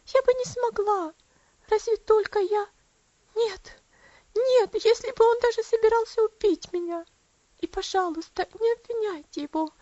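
A woman's voice: very high voice, dark tone, no echo, highs cut off, voice pushed up. A woman reader voicing a devout, loving young girl who cries and pleads in a trembling voice. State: crying.

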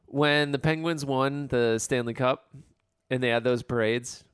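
A man's voice: medium pitch, unhurried, clear, resonant tone, no echo, studio quality. A man in his thirties co-hosting a casual chat, joking and rambling with mock emotion. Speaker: podcast co-host.

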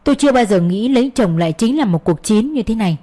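A woman's voice: a little high, animated, quick pace, warm tone. A woman narrating a first-person story in an earnest, sorrowful reading style. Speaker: audiobook narrator.

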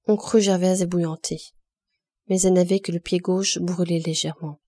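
A woman narrating a classic novel aloud in an expressive, measured reading. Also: on the low side, dry recording, studio quality. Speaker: audiobook reader.

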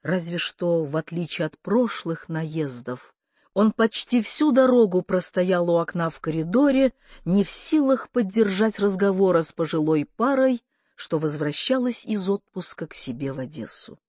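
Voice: medium pitch, expressive, normal speed, a little mellow, no echo. A narrator reading literary fiction aloud, in a dry, dull lo-fi audiobook recording.

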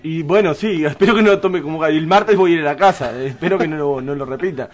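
A Uruguayan man joking and cutting in with quick remarks on a radio panel. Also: a little high. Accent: Uruguayan Spanish. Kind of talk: casual banter.

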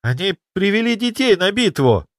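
A jumpy young male apprentice mage, as a male narrator puts him on, pitched high with startled, anxious outbursts. His voice jumps up sharply, and the close audiobook sound stays dry. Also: big pitch swings, moderate pace, fairly bright tone, dry recording. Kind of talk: audiobook character voice.

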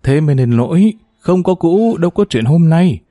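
A man's voice: a little high, lively intonation, normal speed, warm tone, dry recording, clean studio sound, pitched above the performer's own voice, close to an everyday voice. A man voicing a bitter, jealous aunt-in-law who complains sulkily, in a narrated story. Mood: aggrieved.

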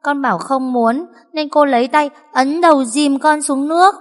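A woman's voice: fairly even intonation, moderate pace, natural voice. A woman voicing a frightened, tearful little girl in a reverberant recording. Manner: high pleading child voice. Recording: long reverb.

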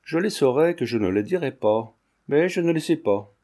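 A man's voice: fairly high pitch, lively intonation, moderate pace, dark tone, pitched above the performer's own voice, close to an everyday voice. A man voicing an earnest young man who speaks defensively, in a storybook reading.

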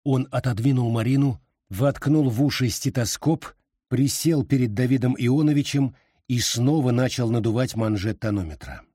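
A man reading a story aloud in a steady, even narration. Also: mid-range voice, normal speed, dry recording, studio quality. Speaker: audiobook narrator. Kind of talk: scripted narration.

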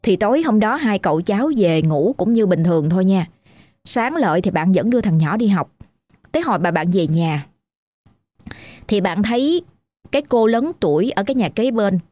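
A woman's voice: medium pitch, expressive, moderate pace, warm tone, no echo. A woman with a Southern Vietnamese accent narrating a ghost story in a chatty style, talking straight to the listener. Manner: chatty, addresses listener directly.

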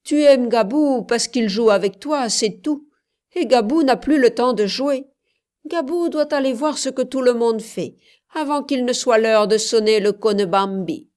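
A woman reading the part of a gentle, tender male plantation overseer in an audiobook, soft and pleading. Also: mid-range voice, slow, close to an everyday voice. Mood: playful teasing.

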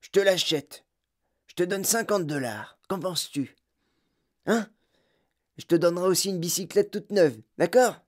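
A man voicing a sly tall stranger who speaks low and coaxing in an audiobook. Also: a little slow, long pauses.

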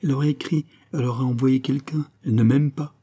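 A man voicing a moody, imperious young count, lovesick and emotional, with a husky voice. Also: medium pitch, fairly even intonation, quick pace, dark tone, pitched above the performer's own voice, close to an everyday voice. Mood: sorrowful.

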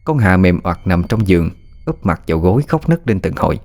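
A man's voice: low-pitched, big pitch swings, fairly quick, darkish tone. A man narrating a horror story. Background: faint music.

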